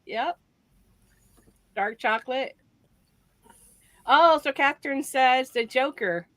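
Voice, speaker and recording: A woman's voice: sits high, slow pace, a bit bright, no echo. A woman hosting a casual live group chat, giggling often and calling on each guest in turn. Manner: giggly, leads the chat and calls on others. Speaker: live stream host.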